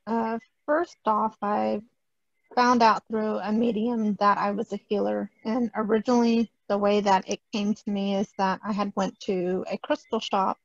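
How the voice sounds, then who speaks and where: A woman's voice: medium pitch, creaky, dry recording, highs cut off. A woman on a video call telling how she learned she was a healer, hesitant and quoting herself. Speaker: guest healer. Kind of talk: casual storytelling.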